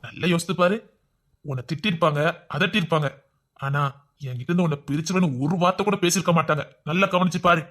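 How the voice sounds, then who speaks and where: A man's voice: a little high, fast talker, a bit bright. A man with a Tirunelveli Tamil accent acting in a family drama skit, talking in an earnest, reassuring, lecturing way. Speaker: lead actor in comedy skits.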